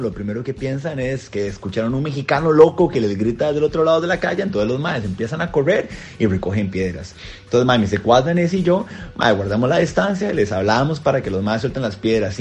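Costa Rican young man, casual slangy storyteller, mid-range voice, gets animated. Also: mid-range voice, fairly quick. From Costa Rica. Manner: animated, slangy, rising excitement in action. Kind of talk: casual anecdote.

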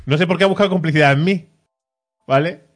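A young man with a fairly high voice tells a story in casual chat. He talks in a lively way and slips into other people's voices as he goes. Faint music plays under him. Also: fast talker. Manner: animated storyteller, mimics voices of people in the queue. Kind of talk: casual chat, anecdote telling.

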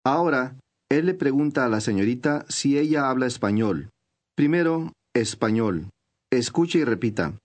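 A man giving clear, patient scripted instructions as a language course narrator. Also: mid-range voice, lively intonation, normal speed.

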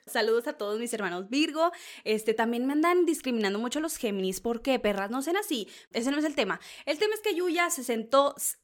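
A young woman with a Mexican accent hosting a casual celebrity gossip chat, dramatic and gushing, talking straight to her listeners. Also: a little high. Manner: dramatic, gushing, chatty, addresses listeners as sisters. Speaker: gossip show host.

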